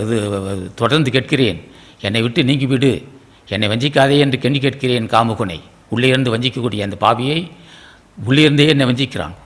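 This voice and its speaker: A middle-aged man from Tamil Nadu giving a devotional sermon as a spiritual teacher, pleading in repeated prayer-like phrases and often clearing his throat. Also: mid-range voice, fairly bright tone. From Tamil Nadu, India.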